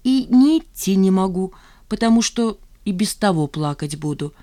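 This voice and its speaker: A woman reading an audiobook, voicing a proud, sharp-tongued young woman. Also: mid-range voice, animated, normal speed, dry recording, voice pushed up, close to an everyday voice. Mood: bitter, haughty. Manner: haughty, cutting retorts.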